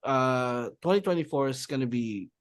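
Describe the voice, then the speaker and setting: A man's voice: medium pitch, animated, moderate pace. A man chatting on a podcast, rambling with frequent laughs and Tagalog mixed in. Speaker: podcast co-host. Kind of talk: casual podcast chat.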